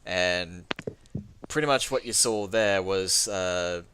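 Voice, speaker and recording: A young man playing a tabletop game, explaining things hesitantly with many pauses in casual chat with friends. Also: low voice, noisy background. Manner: hesitant, full of ums, explaining loosely. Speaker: player.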